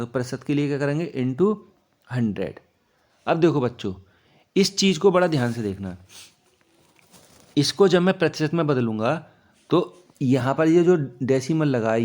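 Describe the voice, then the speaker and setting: Man, maths teacher, patient step-by-step explaining, asks and answers himself, mid-pitched voice. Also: darkish tone. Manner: explains slowly, asks and answers his own questions.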